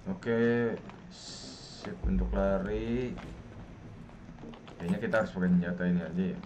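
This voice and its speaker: A man's voice: low voice, steady tone, unhurried. A young man with an Indonesian accent giving casual gameplay commentary as a streamer. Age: young adult. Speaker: gaming streamer. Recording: muffled, noisy with game audio.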